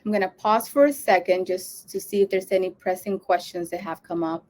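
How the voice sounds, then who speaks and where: A woman from Honduras gives an earnest lecture to social workers, her pitch sitting in a middle range. She thinks aloud as she goes, with many fillers and restarts. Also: fairly even intonation, a little fast, a little mellow. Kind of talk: educational talk to social workers.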